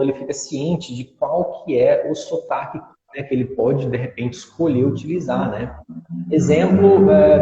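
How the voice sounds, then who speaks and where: In an interview, a male English teacher with a mid-range voice and a dark tone patiently explains and models pronunciations. The audio is dull, recorded in an echoey room with long reverb.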